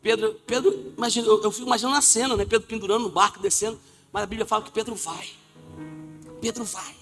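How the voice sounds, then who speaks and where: High-voiced Brazilian pastor, animated preaching. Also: male voice, quick pace, faint music behind. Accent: Brazilian Portuguese. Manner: animated, jokey, acts out the people in his stories. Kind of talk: lively sermon with storytelling. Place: church.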